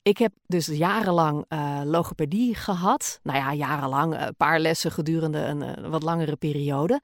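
Her voice sits low and moves at a normal speed as she, a podcast host and voice-over artist with a Gooise R, fields listener questions. The talk is chatty, packed with fillers and occasional laughs, recorded in clean studio sound without echo.

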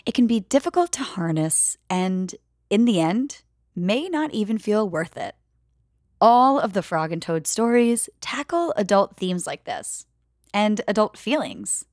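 A woman reporter giving a clear, measured scripted radio narration. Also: mid-range voice, sing-song, a little mellow, no room sound, clean studio sound.

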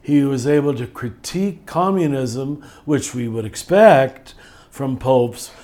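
Older man, reflective podcast talk, measured pace, leans on key words, spiritual teacher. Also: medium pitch, animated, a little mellow. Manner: thoughtful, measured, slows down to stress key words.

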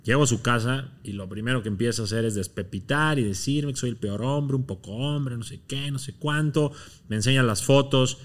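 A man from Mexico, a podcast guest telling a long personal story in a relaxed, slangy way. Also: mid-range voice, brisk. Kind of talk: storytelling in conversation.

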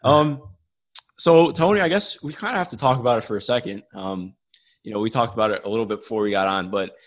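A man's voice: on the low side, quick pace. Rambling Midwestern man, sports podcast. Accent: Midwestern American. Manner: rambling, self-interrupting, chuckling asides. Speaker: podcast co-host. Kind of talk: casual sports podcast chat.

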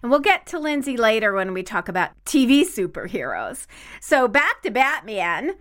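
A woman in her sixties chats on a podcast, her fairly high voice bright and ringing. Her pitch swings widely as she talks, and she laughs easily. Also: big pitch swings, moderate pace. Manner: enthusiastic, laughs often. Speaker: podcast co-host. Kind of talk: casual chat.

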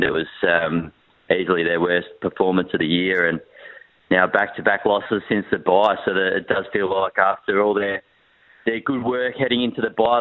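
A very deep-voiced man calls in as a sports reporter and breaks down the game plainly, with a lot of hesitation. His voice comes through a crackly phone line that drops in and out, tinny and thin, with no room sound at all. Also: no room sound. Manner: frank, measured, with many hesitations. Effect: crackly phone line that cuts in and out. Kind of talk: phone-in football analysis.

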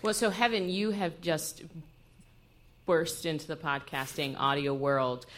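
A woman's voice: deep voice, fairly even intonation, measured pace. A woman casually moderating a panel and putting questions to the others, on a somewhat noisy recording. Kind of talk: casual interviewing.

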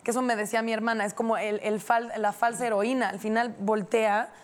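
A woman's voice: a little high, flat delivery, brisk. A woman in a casual chat, thinking aloud about herself. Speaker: podcast co-host.

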